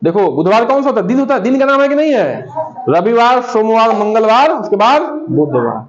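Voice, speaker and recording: A man teaching young children in a classroom, with a high voice that swoops up and down as he asks questions and repeats each word slowly for his pupils. The recording sounds muffled and lo-fi. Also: sing-song. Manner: patient, asks pupils questions and repeats words to drill pronunciation. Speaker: primary school teacher. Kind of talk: classroom Hindi lesson.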